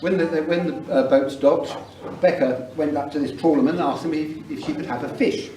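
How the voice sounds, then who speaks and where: A man's voice: on the high side, brisk, mellow. Middle-aged English man toasting, distant and echoey. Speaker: father of the bride giving a toast. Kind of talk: wedding speech with humorous anecdotes. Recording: roomy, noisy event recording from far off.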